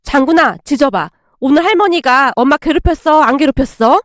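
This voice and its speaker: A woman's voice: high voice, brisk, no room sound, clean studio sound. A woman doing a gleeful teasing sister-in-law. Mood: amused excited. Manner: amused, teasing, excitable. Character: playful sister-in-law reading a dog translator. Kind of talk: storytelling with acted dialogue.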